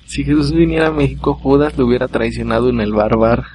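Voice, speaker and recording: Fast and darkish in tone, this mid-range male voice belongs to a Mexican-accented host of a solo comedy podcast. He reels off jokes casually, full of slang, chuckling at what he says.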